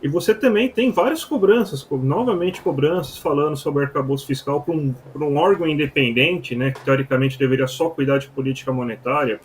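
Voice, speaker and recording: A man commenting on economic news on a live news show, talking in an animated, emphatic way with many fillers and restarts. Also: a little high, a little fast, hardly any pauses, a little hiss or hum.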